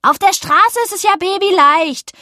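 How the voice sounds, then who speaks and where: A cheeky young boy who brags loudly and flares up quickly, as a woman reads him. He taunts and shouts his boasts in a high, dry-sounding voice. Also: very animated, dry recording. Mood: angry. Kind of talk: audiobook character voice.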